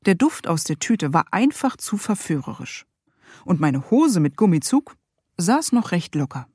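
Memoir narrator, dry wry humor, mid-pitched voice, close and dead-dry sound, reading in a booth. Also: big pitch swings, unhurried, darkish tone, slightly rough, no echo. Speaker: author reading own memoir. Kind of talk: scripted first-person memoir narration.

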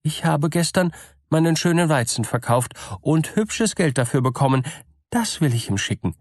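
A man voicing a gullible old-fashioned peasant woman in a fairy tale, high-pitched and trusting. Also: animated, moderate pace, no room sound, studio quality. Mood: earnest.

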